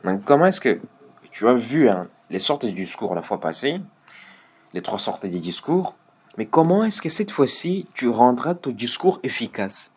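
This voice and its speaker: A man teaching a public speaking lesson over a video call, explaining patiently with frequent pauses. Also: mid-range voice, big pitch swings, a little mellow, slightly rough. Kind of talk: online one-on-one lesson.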